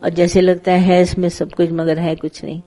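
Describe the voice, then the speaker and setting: A middle-aged woman leads a devotional satsang, chatting conversationally with her followers, acting out quotes as she tells parables and mixing in English words. Her voice is on the low side, warm and level, at a moderate pace, on a rough recording.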